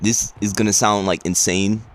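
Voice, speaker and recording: A man vlogging in a rambling, excitable rant full of swearing. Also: on the low side, normal speed. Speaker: wrestling vlogger. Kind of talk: casual vlog rant.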